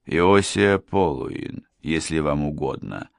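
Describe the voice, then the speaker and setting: A man's voice: extremely low pitch, slow pace, creaky, dry recording, studio quality, full character voice. A man voicing a scheming impostor preacher who speaks with insolent contempt. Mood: contemptuous. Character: sneering scheming middle-aged male impostor preacher.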